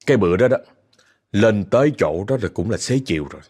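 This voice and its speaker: A man's voice: fairly low pitch, expressive, fast talker, darkish tone. A man with a Southern Vietnamese accent telling a story in a chatty, casual way, speaking directly to listeners.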